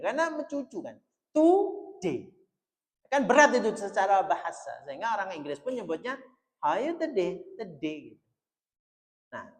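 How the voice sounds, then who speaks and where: A male mosque teacher talks in a loose, chatty way, dropping words into his lesson. His pitch swings widely. The sound carries a long reverb from the mosque hall. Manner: chatty, mixing in Javanese, lively swings in pitch. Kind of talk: religious study talk.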